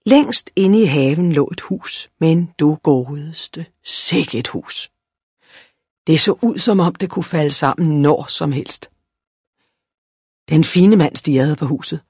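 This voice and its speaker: A storybook narrator with a husky, slightly breathy voice that reads with lively expression. The pitch sits in a middle range. The recording is close and dry. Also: dry recording. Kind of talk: storybook reading.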